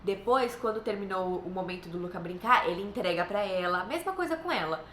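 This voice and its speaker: A woman in her thirties with a Brazilian Portuguese accent offers earnest, reassuring parenting advice to other mothers in a casual vlog, acting out playful voices for her kids. Her mid-range voice is lively, a bit bright and a little fast, recorded in an echoey room with faint background noise.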